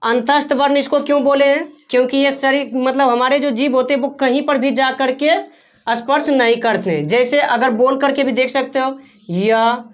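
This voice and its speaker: A woman with a high voice teaches a class. She keeps asking her students questions and echoing their answers back to them. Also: steady tone, normal speed. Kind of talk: classroom grammar lesson.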